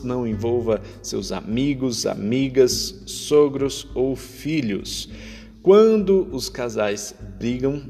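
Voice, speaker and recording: A man giving couples relationship advice in a measured, counselling tone, sometimes restarting a phrase. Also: medium pitch, a little mellow. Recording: long reverb with faint guitar music behind.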